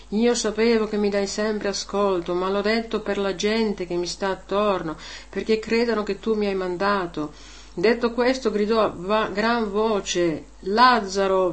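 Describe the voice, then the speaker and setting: A woman with a mid-pitched voice reads scripture steadily, then preaches. She rises in pitch and volume on key words and often checks in with the listeners with a short question tag. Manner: emphatic, rising loud on key words, frequent "eh?" tags. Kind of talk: Gospel reading then homily.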